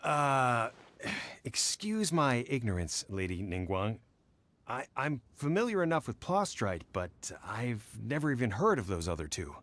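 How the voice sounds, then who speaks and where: An actor playing an eager, ingratiating, smooth-talking merchant in a video game. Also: male voice, medium pitch, sing-song, measured pace, fairly bright tone. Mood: deferential, calculating.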